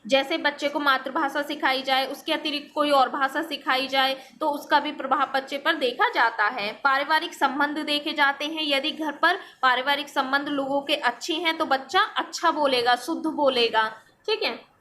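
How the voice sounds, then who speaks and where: A woman's voice: sits high, steady tone, moderate pace, pushed and bright, a little hiss or hum. A woman teaching an exam-prep lesson, explaining step by step and often checking in with her listeners. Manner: explanatory, repeats "theek hai" as a check-in.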